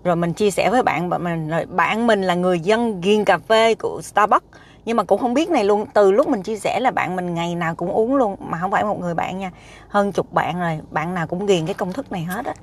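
A food vlogger talks to the camera on her dashboard from a parked car, her lowish voice moving a little fast. She keeps things casual and emphatic, chatting away and saying "các bạn" again and again.

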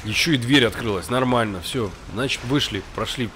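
A male gamer with a mid-pitched voice comments casually as he plays. He thinks aloud in short, colloquial phrases, with faint rain and game noise behind him. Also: moderate pace. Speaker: gamer, let's-play host. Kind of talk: casual improvised gameplay commentary. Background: game ambience with rain.

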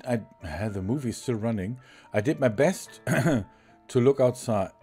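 A man's voice: mid-range voice, lively intonation, mellow, slightly rough, soft background music. A man with a German accent streaming a game, reading its text aloud and commenting, chuckling and correcting his own slips. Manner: slow reader who chuckles and corrects himself. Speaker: let's play streamer.

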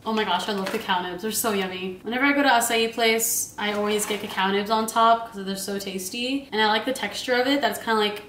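Speaking quickly with few pauses, a young woman in her twenties rambles through a grocery haul, bubbly, giggly and full of fillers. Her mid-range voice is a bit bright. She's vlogging indoors in her home kitchen on a camera a few meters away, so the sound is roomy, with a little hiss or hum.

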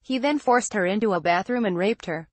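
A woman narrating a news report in a steady, scripted read. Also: mid-range voice, brisk, no echo.

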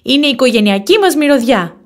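A woman voicing a cheerful, easygoing young boy badger in a storybook reading, bright and chuckling. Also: sits high, animated, voice pushed up.

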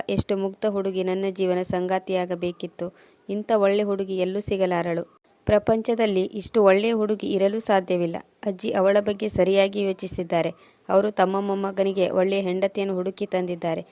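A woman reading a first-person story as scripted narration, at a steady, even pace. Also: medium pitch, no echo.

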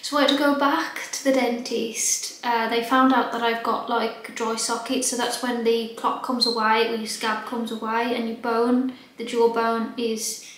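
A woman's voice: a little high, flat delivery, unhurried, hardly any pauses, a bit bright. Very echoey, chatty young British woman. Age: young adult. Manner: informal, chatty. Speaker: vlogger. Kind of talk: casual rambling chat to camera. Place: small empty bedroom with bare walls and wood floor, indoors. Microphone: camera mic at about arm's length or more. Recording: very echoey empty room.

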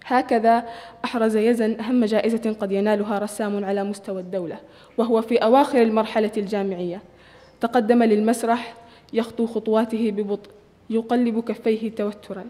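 A woman with a mellow, soft-toned voice reads her short story aloud, measured and expressive. Her voice carries the long reverb of a large hotel hall, heard as a live reading at a literary evening. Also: on the high side. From Saudi Arabia.

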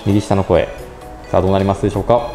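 Fast-talking young man with a mellow voice. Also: low voice, flat delivery, creaky. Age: young adult. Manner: chatty, thinks aloud, polite narration of each step. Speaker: presenter of a robot pet channel. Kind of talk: casual app demonstration. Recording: echoey indoor room with faint music.

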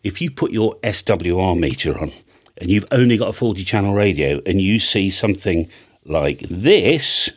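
An older British man presents a radio hobby video from a home music studio with a drum kit, speaking into a large arm-mounted studio mic set close. His deep voice is lively in intonation with a breathy edge, at a moderate pace. The tutorial is casual and off-the-cuff, chatty, blunt, and often thinking aloud.

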